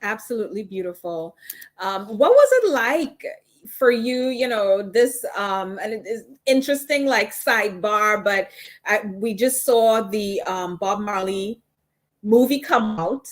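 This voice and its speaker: A woman's voice: medium pitch, animated, unhurried, rough recording. Effusive woman interview host. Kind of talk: casual interview chat.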